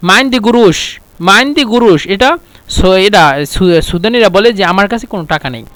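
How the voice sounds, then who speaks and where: High-voiced man teaching Arabic phrases. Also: animated, a bit bright, no echo. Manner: explains phrases by repeating them slowly with hesitations. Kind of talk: casual spoken lesson.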